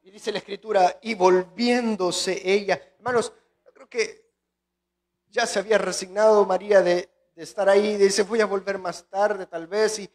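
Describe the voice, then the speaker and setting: At a normal speed, a high-voiced guest pastor with a steady tone preaches a sermon with impassioned delivery, often calling out to the congregation. His accent is Salvadoran Spanish.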